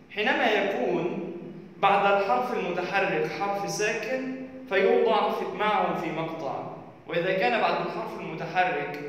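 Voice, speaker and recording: A man with a high voice teaches a children's lesson, reading each question slowly and then stating its answer. He sounds distant from the mic, and his voice rings in a very echoey, reverberant room. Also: a bit bright, a little hiss or hum. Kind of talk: school lesson, reading out textbook exercises. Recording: echoey hall from far off.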